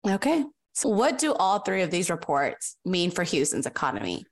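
A woman hosting a business podcast, asking questions and reading sponsor messages in an upbeat, steady way. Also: fairly low pitch, normal speed. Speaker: podcast host. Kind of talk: podcast interview and sponsor reads.

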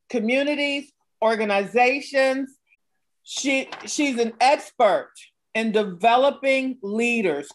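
A woman hosting a podcast who gives effusive introductions and interviews her guest. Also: mid-range voice. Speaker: podcast host.

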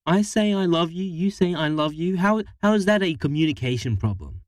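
A man's voice: mid-range voice, very animated, normal speed, a little mellow, no echo, studio quality, pitched above the performer's own voice, natural voice. A man voicing a heartbroken young man who whines and defends himself in a strained, sputtering way. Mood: defensive. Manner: whiny and defensive.

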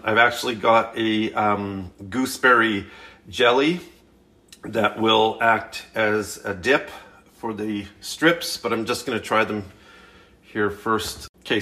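A man with a fairly low, sharp-toned voice and fairly even intonation talks slowly in his home kitchen. He hosts a hunting and cooking podcast, speaking casually and hesitantly with plenty of fillers and restarts.

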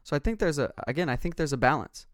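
A man's voice: a little high, animated, fast, no echo. Intense, passionate man in dry close sound. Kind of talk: casual conversation.

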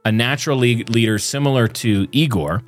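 A man's voice: mid-range voice, fairly quick, soft background music. A man co-hosting a podcast, bantering in a playful, teasing way. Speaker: podcast co-host. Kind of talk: casual chat.

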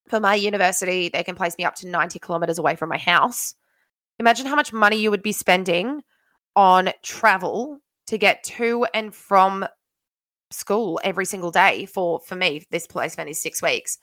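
A woman's voice: medium pitch, a bit bright, no echo. A young woman with a broad Australian accent chatting casually on a solo podcast, stressing her points emphatically. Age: young adult. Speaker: podcast host and student teacher.

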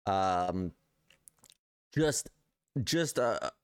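A man's voice: deep voice, animated, very slow, clear, resonant tone, no room sound, studio quality. A man hosting a casual live podcast, sounding congested and nasal as if holding his nose, self-deprecating and prone to stumbling over words. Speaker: podcast host.

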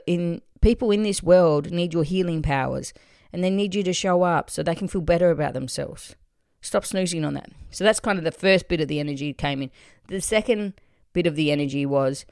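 An Australian woman hosting a motivational solo podcast, excitable and swearing casually. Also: lowish voice, dry recording, studio quality. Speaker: podcast host.

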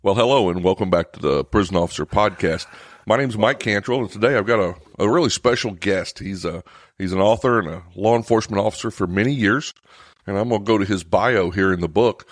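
A man hosting a podcast, reading a guest's bio and asking questions in a relaxed, conversational way. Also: fairly low pitch, brisk, no echo, studio quality. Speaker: podcast host. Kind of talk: casual interview.

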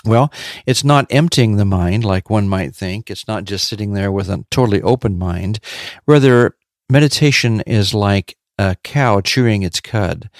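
A man teaching on a devotional podcast in a measured way, repeating key points for emphasis. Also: lowish voice, a little mellow, no echo, studio quality.

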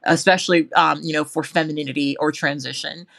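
A woman's voice: sits low, steady tone, brisk, creaky, a bit bright, no room sound, studio quality. A woman hosting a podcast, speaking casually and emphatically, with frequent stammered restarts.

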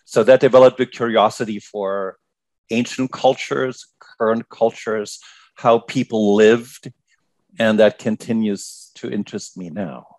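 A man from Germany, a guest author, talking casually in an interview, lively and prone to repeating words as he starts. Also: on the low side, unhurried, no echo.

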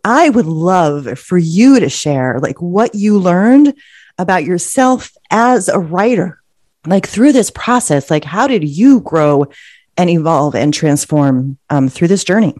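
A woman's voice: on the low side, lively intonation, takes it slowly, darkish tone, dry recording, clean studio sound. Upbeat chatty woman podcast host. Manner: upbeat, chatty, many "like" fillers. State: slight frog in throat. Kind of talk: enthusiastic interview.

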